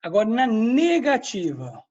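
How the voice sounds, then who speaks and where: A man's voice: high-pitched, huge pitch swings, measured pace, darkish tone, lo-fi sound. A male English teacher, Portuguese his first language, reviewing a lesson and checking in with students by name. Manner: explains step by step, checks in with students. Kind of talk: recorded class review lesson.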